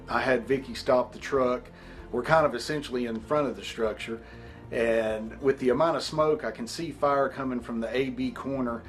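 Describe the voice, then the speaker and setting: A middle-aged man, a fire officer explaining past events in a measured documentary interview. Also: medium pitch. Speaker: firefighter, company officer. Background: background music.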